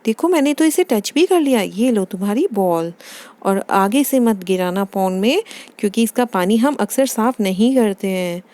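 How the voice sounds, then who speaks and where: A woman's voice: medium pitch, animated, moderate pace, a little mellow, close to an everyday voice. A woman voicing a busy, caring mother in a toy doll play, chattering in a fussy, motherly way.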